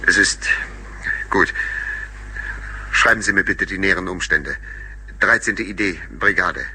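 Clipped officer on an old telephone. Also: male voice, deep voice, unhurried, sharp tone, breathy edge, heavily acted, poor audio. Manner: clipped, formal. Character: formal male army officer calling by telephone. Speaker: army first lieutenant. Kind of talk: old radio drama acting.

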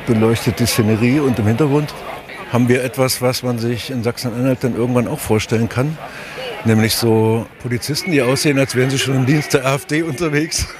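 A man reporting on the spot from a square, wry as he observes the scene. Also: mid-range voice. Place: outdoors in a town square.

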